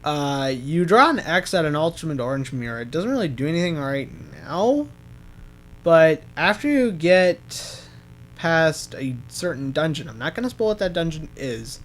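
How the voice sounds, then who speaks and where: A man's voice: fairly high pitch, lively intonation, normal speed, fairly bright tone. A man giving casual gameplay commentary as a let's-play host, rambling and correcting himself as he goes. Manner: rambling, self-correcting, laughs at own slips.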